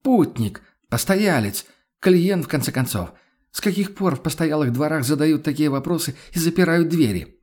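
A man voicing a furious stranded townswoman in an audiobook, yelling hoarse, insulting demands. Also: a little high, expressive, normal speed, voice pushed up. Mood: indignant. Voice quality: hoarse shrieking. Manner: yelling, insulting, banging on the door. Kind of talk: audiobook character voice.

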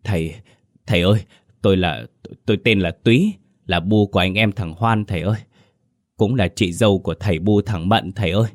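A man's voice: sits low, fairly quick, close to an everyday voice. A man doing a wailing old woman's ghost. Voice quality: trembling, wailing and sobbing. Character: grieving old woman's ghost possessing a body.

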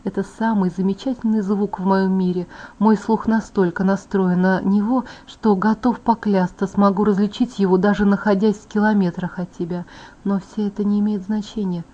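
A woman reading an audiobook voices a tender young immortal man, speaking softly and low. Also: steady tone, moderate pace, lo-fi sound, close to an everyday voice.

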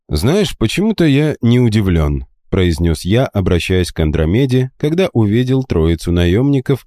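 A man with a low, dark voice narrates a fantasy audiobook. His reading rises and falls expressively. The recording is dry and close. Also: dry recording. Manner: expressive storytelling.

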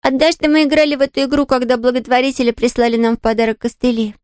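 A sunny, talkative little orphan girl, as a woman reader puts her on in an audiobook, eager and reassuring. The voice sits high and bright above the narration. The sound is dry and close. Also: flat delivery, clear, resonant tone, no room sound, natural voice. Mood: wistful. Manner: eager, bubbly, quick to reassure. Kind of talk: audiobook character reading.

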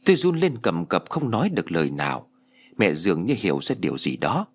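A man narrating a first-person ghost story as an audiobook reader, in an expressive, dramatic way. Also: sits low, a little fast.

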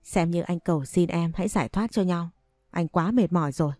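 A weary young husband from an audio story, cold and fed up, as a woman reads him. The voice is low and warm, with a dry close sound and faint music. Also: a little fast, no room sound, close to an everyday voice.

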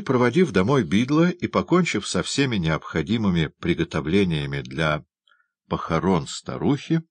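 Deep-voiced male audiobook narrator. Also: dry recording. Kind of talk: audiobook reading of a classic novel.

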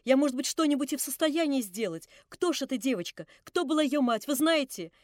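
A woman's voice: high-pitched, expressive, fairly quick, no room sound, studio quality. A woman reading an audiobook, voicing an earnest, indignant young man who pleads and questions. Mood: earnest pleading. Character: indignant young male narrator-hero.

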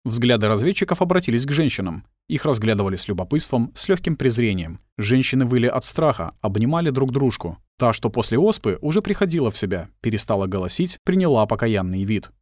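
Мужчина-чтец выразительно читает военную аудиокнигу у близкого микрофона. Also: male voice, medium pitch, a little fast, hardly any pauses, no room sound, studio quality. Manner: vivid, expressive reading. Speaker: audiobook narrator. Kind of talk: war audiobook narration.

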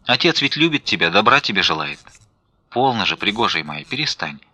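A man reading an audiobook, voicing a mother softly consoling her crying daughter. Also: fairly low pitch, big pitch swings, fairly quick, no echo, full character voice. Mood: soothing. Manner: soothing.

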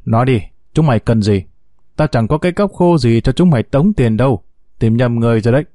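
A man's voice: medium pitch, expressive, quick pace, dry recording, studio quality, natural voice. A man voicing a domineering village father who hurls insults and threats at his wife and the kidnappers. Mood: defiant. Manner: shouting insults, hissing threats. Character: hot-tempered domineering father, coarse and threatening.

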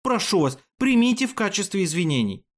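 An eager, obliging woman in a storybook reading, her voice lifted well above the reader's own, as a man puts her on. She speaks politely and quickly, keen to make amends. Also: sits high, sing-song, pitched above the performer's own voice. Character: eager helpful woman, former school administrator.

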